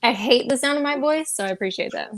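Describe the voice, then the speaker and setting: A woman's voice: high-pitched, fast talker, fairly bright tone. Giggly woman in a casual online call. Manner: giggly, laughs often. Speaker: guest in a live stream game. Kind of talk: casual chat. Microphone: remote call.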